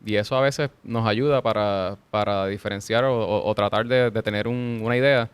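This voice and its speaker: A man explaining heart rhythm problems as a cardiologist guest, measured and explanatory, with small restarts. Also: lowish voice, steady tone, smooth, no echo. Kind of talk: explanatory interview answers.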